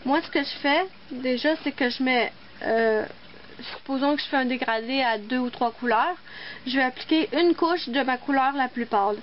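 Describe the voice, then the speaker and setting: A woman's voice: high voice, normal speed, dull audio, slight background noise. A woman hosting a casual nail art tutorial, chatting and explaining each step as she works. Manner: chatty, explains while working.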